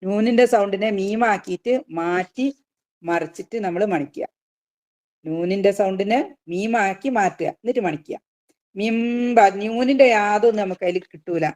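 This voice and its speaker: A woman teaching Tajweed rules of Quran recitation in a lesson, asking her students questions and answering them herself, now and then reciting words slowly. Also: mid-range voice, a little mellow. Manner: slowly drawn-out recitation of verse examples.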